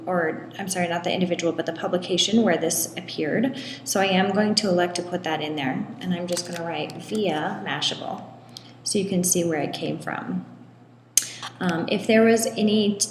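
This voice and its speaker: A woman giving a step-by-step screen tutorial in an echoey room with long reverb, talking in a relaxed way with frequent ums. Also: lowish voice, slight background noise. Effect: echoey room with long hall-like reverb. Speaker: tutorial presenter.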